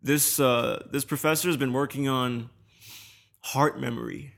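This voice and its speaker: A young man in casual chat, swearing freely and telling animated stories. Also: medium pitch, measured pace, gravelly.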